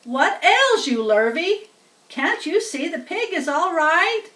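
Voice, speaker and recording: A woman acts out an excitable storybook farmer who hollers in a high, blustery voice. Words are stretched out loudly and ring in a roomy, echoing space. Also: slow pace, far from the mic, full character voice. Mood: exasperated. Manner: hollering, exclamatory. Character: excitable, blustering male farmer, proud of his pig.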